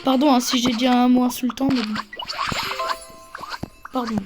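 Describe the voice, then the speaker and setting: A woman with a high voice chatters through a game session, excitable and mocking her own slowness. Loud game music plays steadily under her voice from a desk microphone at home. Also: poor audio. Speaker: gaming streamer. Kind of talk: casual gameplay commentary.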